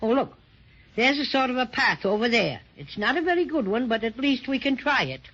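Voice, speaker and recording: A high, plucky little toy bear. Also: female voice, lively intonation, a little fast, a bit bright, husky. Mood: brisk. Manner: blustery, exclamatory. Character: small talking stuffed toy bear, plucky and huffy. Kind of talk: 1930s children's radio serial acting. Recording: dull 1930s radio transcription recording.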